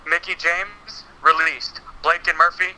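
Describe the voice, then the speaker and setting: Male podcast guest calling in on speakerphone, halting delivery with fillers, slightly high and very bright. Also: fairly even intonation, a little hiss or hum, rough recording. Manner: hesitant, halting, many fillers and restarts. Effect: heard over a phone on speakerphone. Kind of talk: casual chat about wrestling games.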